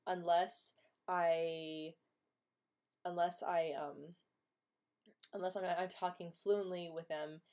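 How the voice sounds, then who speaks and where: Reading viewers' comments in a casual live chat, this stream host stutters often, with repetitions and blocks, and laughs frequently. She has a lowish, darkish voice with a level tone, and she takes it slowly, leaving long pauses.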